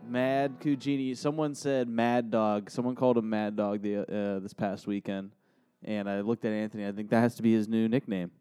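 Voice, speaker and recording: Male podcast co-host, smooth dark tone, loose casual banter with friends. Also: fairly low pitch, level tone, normal speed.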